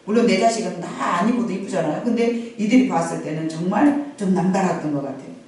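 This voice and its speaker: A middle-aged woman pastor telling a Bible story in a lively, conversational sermon, repeating phrases and addressing the congregation directly. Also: lowish voice, fast talker. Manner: animated, repetitive, conversational asides to the congregation. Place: church sanctuary. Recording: very echoey sanctuary, from far off.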